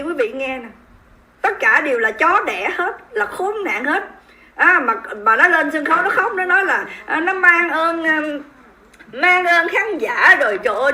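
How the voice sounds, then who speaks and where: A woman's voice: high-pitched, pushed and bright. A woman with a Southern Vietnamese accent hosting a livestream, commenting in an emphatic, indignant and mocking way and speaking straight to her viewers. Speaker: livestream host.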